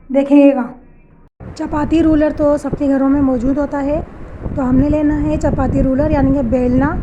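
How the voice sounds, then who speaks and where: Woman, high-pitched, flat even delivery, home tips demo, patient, repeats steps, talks to viewers. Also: dull audio, a little hiss or hum. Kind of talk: step-by-step household tips demo.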